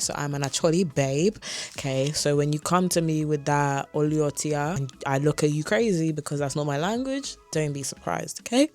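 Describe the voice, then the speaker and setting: A woman's voice: sits low, a little mellow. A woman in her twenties from South London, with an accent mixing London and Kent, answering viewer questions in a casual vlog from her bedroom, chatty and candid with frequent asides. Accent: London and Kent mix. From South London, England. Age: 20s. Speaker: vlogger. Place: her bedroom, sitting on a beanbag chair. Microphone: camera in front of her.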